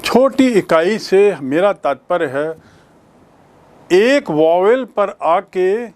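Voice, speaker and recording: Slow, lively male teacher. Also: high voice. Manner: slow, repeats and spells out words, mixes English phrases. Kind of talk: classroom lesson explaining grammar.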